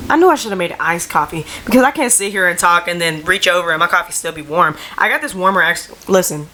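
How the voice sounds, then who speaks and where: Young adult woman, solo podcast host at home: low-ish pitch with a bright tone, chatty, rambling, slangy. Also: a little hiss or hum. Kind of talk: casual solo podcast chat. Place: at home in front of a camera.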